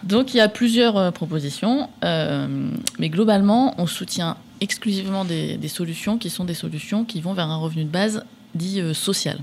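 A woman speaking as a guest on a radio talk show, her voice carrying a gravelly creak. She explains her points steadily, pausing on hesitations as she works through them. There is a faint hum of ambience behind her. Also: fairly low pitch, a little mellow. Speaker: guest, local association representative. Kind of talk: radio interview.

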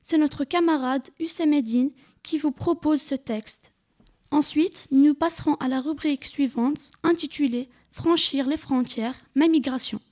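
A woman's voice: high-pitched, unhurried, darkish tone. A woman radio presenter reading a scripted announcement of the next segments.

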